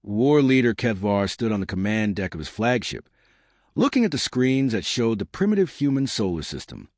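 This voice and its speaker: A man narrating a sci-fi story in a steady, dramatic storytelling manner. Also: lowish voice, normal speed, no echo, clean studio sound.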